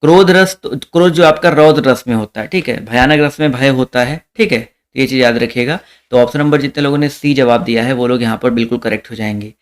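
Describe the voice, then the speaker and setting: A young man leads a live online exam-prep lesson with a smooth, resonant voice. He reads out each question, repeats it, and calls out the answer to his viewers. His pitch sits at an ordinary middle height. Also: a little fast, few pauses.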